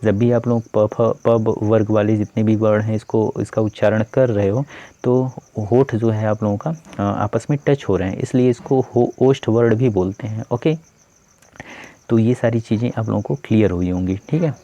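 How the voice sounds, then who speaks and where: Deep-voiced man teaching grammar. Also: moderate pace, warm tone. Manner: explains step by step, repeats key terms, many fillers. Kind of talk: exam-prep grammar lesson. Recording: dull lo-fi recording.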